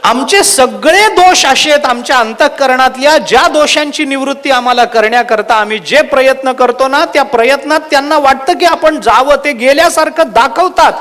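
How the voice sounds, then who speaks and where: A male preacher giving a storytelling sermon, speaking in an animated and emphatic way. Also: extremely high pitch, normal speed, hardly any pauses. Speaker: kirtan preacher. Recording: long hall reverb.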